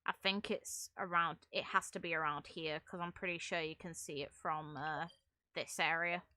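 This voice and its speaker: Over background music, a female gaming streamer and video creator offers rambling, musing commentary on game lore as she thinks aloud. Her lowish voice moves at normal speed with fairly even intonation and a pushed, bright quality.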